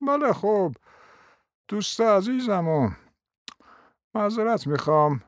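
A frail, forgetful old prince, put on by a male narrator, drawling and mumbling, his voice lifted well above the reader's own and sliding up and down. The words come slowly and often trail off into confusion. The recording is close and dry. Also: high-pitched, expressive, no room sound, voice pushed up. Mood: mumbling, muddled. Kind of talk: audiobook character voice.

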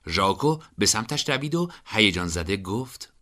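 A man narrating an audiobook in an expressive storytelling manner. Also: lowish voice.

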